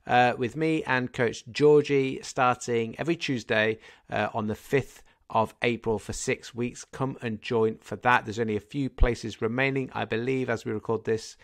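A man in his thirties co-hosts a podcast in a Scouse accent, his medium-pitched voice steady and moderately paced with few pauses. He jokes around and rambles in casual chat, heavy on fillers. He's in an indoor home room, using a desk condenser mic on a video call.

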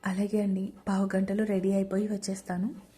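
A woman's voice: mid-range voice, flat delivery, a little fast, dark tone, close to an everyday voice. A woman voicing a meek, polite young newlywed daughter-in-law. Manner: polite and respectful.

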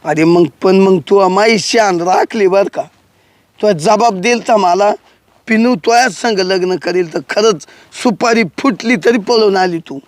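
A young village lover coaxes and pleads in a village comedy sketch, by turns scheming and excitable. His voice is on the high side, and the recording is dry and close. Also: measured pace, no room sound. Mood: coaxing.

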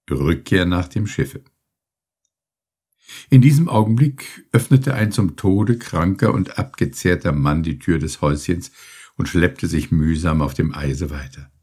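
A man narrating an audiobook in a scripted, expressive storytelling style. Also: sits low, breathy edge.

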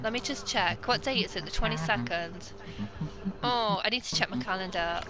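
A woman's voice: mid-range voice, moderate pace. A woman streaming a game and chatting casually with friends in a party, thinking aloud as she checks things. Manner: chatty, talks to herself while checking tickets.

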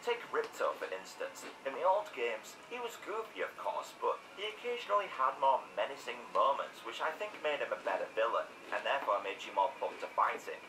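A man's voice: medium pitch, sing-song, a little fast, few pauses. A man narrating a scripted critical game review in a sarcastic, opinionated way. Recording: echoey room, distant mic, faint noise.

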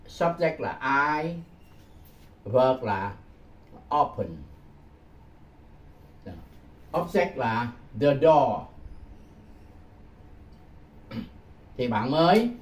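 Man, casual language teacher, mid-pitched, very slow and repetitive, patient with frequent chuckles. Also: a little mellow. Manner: repeats phrases slowly and patiently, chuckling often. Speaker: English teacher. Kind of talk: casual spoken language lesson.

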